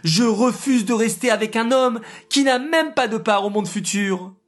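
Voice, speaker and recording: A storyteller voicing a merchant's wife, an insistent, indignant woman, in a high, demanding tone. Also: lively intonation, measured pace. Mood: outraged.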